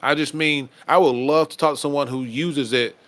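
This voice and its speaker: A man's voice: on the high side, steady tone, moderate pace, a bit bright, no room sound. A man co-hosting a casual podcast, rambling and restarting his sentences, swearing now and then. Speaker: podcast co-host.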